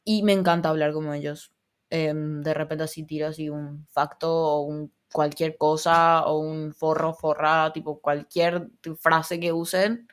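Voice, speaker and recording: A woman's voice: low voice, flat delivery, unhurried. Giggly young Paraguayan woman with Argentine-tinged speech. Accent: Paraguayan Spanish with Argentine touches. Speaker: podcast host. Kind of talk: casual solo podcast chat.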